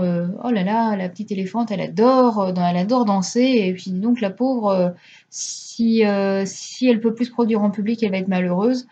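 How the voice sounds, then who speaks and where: A young woman vlogging about her books in a casual, rambling way, stopping often to correct herself. Her voice is mellow and a little husky. The recording sounds dull and lo-fi. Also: on the high side. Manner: chatty, rambling with many hesitations and self-corrections; self-mocking. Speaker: booktuber. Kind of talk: casual reading vlog.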